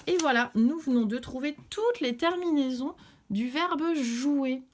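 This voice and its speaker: Patient woman teacher, higher voice. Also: a little slow. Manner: clear, patient, step-by-step explaining. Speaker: primary school teacher. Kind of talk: recorded remote lesson for children.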